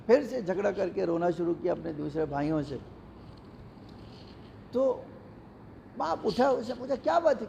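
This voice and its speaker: Male preacher, high gravelly voice, warm and dark-toned, emotive storytelling sermon, long hall reverb. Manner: emotive, acts out the characters' pleas. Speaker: cleric giving a Ramadan lecture. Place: large mosque hall. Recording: echoey hall, dull lo-fi sound, faint noise.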